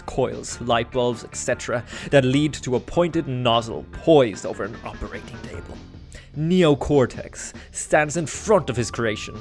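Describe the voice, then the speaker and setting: A man narrating screenplay stage directions in a deliberate, theatrical dramatic reading. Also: mid-range voice.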